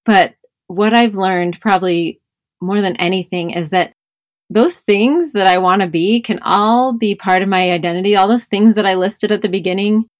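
A woman's voice: mid-range voice, moderate pace, dry recording, clean studio sound. A woman in her thirties, a mother of five and podcast host, talking reflectively in a casual conversation with many fillers.

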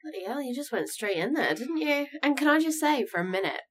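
A woman's voice: high voice, lively intonation, brisk, breathy edge. A woman co-hosting a podcast in casual chat, with a blunt, jokey way of talking. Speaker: podcast co-host. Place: small booth, sharing a room with co-host.

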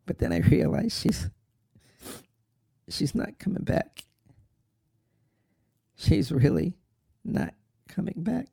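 This is a heartbroken young man, as an actor plays him, speaking in an unhurried, halting drama voice full of sorrow. His tone is creaky with a gravelly edge, and the sound is close and dry. He comes across as a sincere radio-drama lead. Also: medium pitch, fairly even intonation, dark tone, no echo. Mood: grieving. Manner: slow, halting, tearful storytelling. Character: grieving young man mourning his mother. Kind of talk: dramatic monologue.

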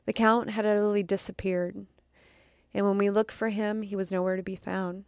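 A woman hosts a podcast and reads a dark story aloud with dramatic delivery, stumbling now and then. Her voice is smooth yet gravelly, recorded close and dry. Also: mid-range voice, level tone, moderate pace, no room sound. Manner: dramatic reading with occasional stumbles and asides. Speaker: podcast host. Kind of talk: storytelling reading.

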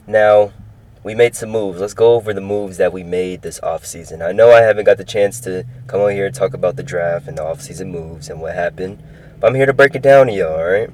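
A man's voice: sits low, fairly quick, a little mellow, slight background noise, poor audio. A man in his early twenties, upbeat and rambling, talking through his own sports podcast and repeating himself. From California. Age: 20s. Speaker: podcast host. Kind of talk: casual solo sports podcast.

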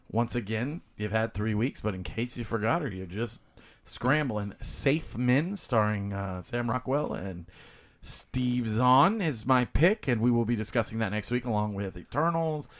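A man's voice: mid-range voice, expressive, moderate pace, a bit bright. Brash, profane male podcast host. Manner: blunt, profane, opinionated. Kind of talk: casual podcast banter.

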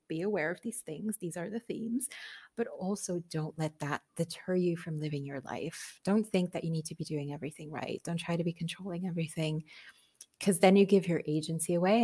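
Speaking in a low, dark voice with a breathy edge, this woman is a business coach being interviewed casually on a podcast. She comes across as earnest and relaxed, frequently laughing and filling her speech with fillers.

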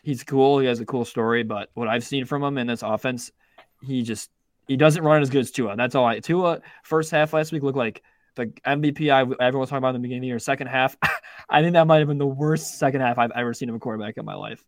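A young man chatting about bets on a podcast, his voice sitting at an ordinary middle pitch. He rambles, restarts his sentences and swears casually. The sound is dry and close, with no room behind it. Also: fairly even intonation, fast talker, dry recording. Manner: rambling, self-interrupting, frequent restarts and swearing. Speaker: podcast co-host. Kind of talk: casual sports betting chat.

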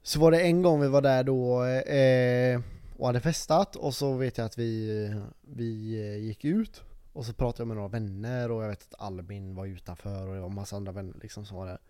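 A man's voice: medium pitch, fairly even intonation, mellow, smooth, dry recording, studio quality. A young man hosting a podcast, telling a long story in a rambling, casual way full of fillers. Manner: rambling, full of fillers, acts out quoted voices. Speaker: podcast host.

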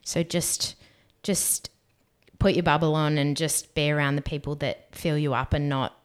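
A young woman co-hosting a podcast, reading out questions and chatting in a relaxed way about staying grounded and good energy. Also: sits low, moderate pace, clear, resonant tone. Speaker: podcast co-host. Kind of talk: casual podcast chat.

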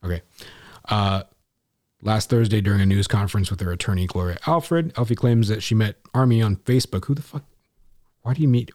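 A man's voice: fairly low pitch, a little fast, a little mellow. A man co-hosting a podcast in casual chat, rambling and profane, restarting his sentences. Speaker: podcast co-host.

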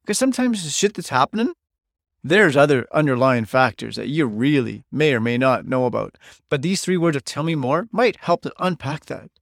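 A man's voice: medium pitch, sing-song, normal speed, creaky, no echo. Middle-aged man, podcast host, blunt and emphatic, swears a lot, dry close mic. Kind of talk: solo podcast monologue.

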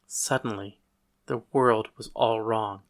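A man narrating a story in the first person, calm and measured. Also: on the low side, gravelly.

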